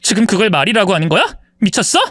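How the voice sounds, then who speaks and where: A man's voice: high-pitched, fast talker, a bit bright, dry recording. A man voicing a betrayed wife in her forties who accuses her husband of cheating. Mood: indignant. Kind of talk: dramatized story reading.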